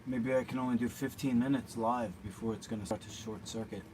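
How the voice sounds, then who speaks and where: A man speaking in a casual livestream monologue as a health coach, haltingly searching for words. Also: mid-range voice, steady tone. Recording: noticeable background noise.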